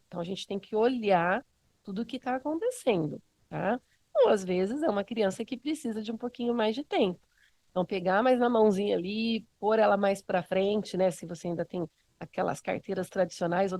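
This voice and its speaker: A woman's voice: mid-range voice, darkish tone, no echo. A woman with a Brazilian Portuguese accent, a music educator giving a casual, encouraging teaching talk with many fillers.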